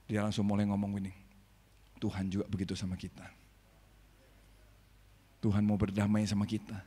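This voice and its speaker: A man preaching a sermon as pastor, telling a story animatedly and swinging between loud preaching and hushed asides. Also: fairly low pitch, normal speed, slightly rough. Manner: animated storytelling, acting out villagers' voices. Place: church hall. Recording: reverberant church hall.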